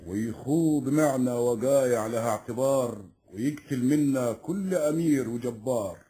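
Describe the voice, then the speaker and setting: An actor playing a grave, fatalistic emir with a solemn, portentous delivery in a folk epic drama. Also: male voice, mid-range voice, moderate pace, dark tone, lightly acted. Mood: foreboding. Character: grave emir of legend, fatalistic bearer of prophecy.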